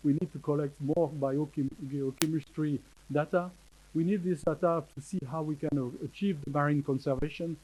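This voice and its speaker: French guy giving a conference talk in english, lots of uhs and restarts, mellow darkish voice, bit of hiss. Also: on the high side, steady tone, low-quality recording. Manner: halting, many fillers and restarts. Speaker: conference speaker. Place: conference hall.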